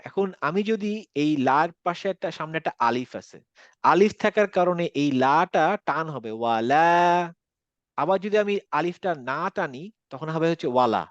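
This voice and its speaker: A man's voice: on the high side, animated, normal speed, no echo, lo-fi sound. A man with a Bangladeshi accent, teaching Quran pronunciation and explaining step by step with English words mixed in. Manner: explains step by step, mixes English words, asks checking questions. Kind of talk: online class lecture.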